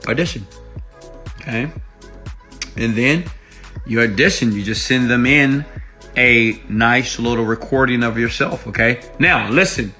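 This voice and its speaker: Soft music plays behind a man with a mid-range voice who speaks a little slowly, with long pauses and a bright, forceful tone. An online money-making coach, he makes an emphatic motivational tutorial pitch to viewers, checking in with rhetorical questions, and it's recorded on an iPhone mic.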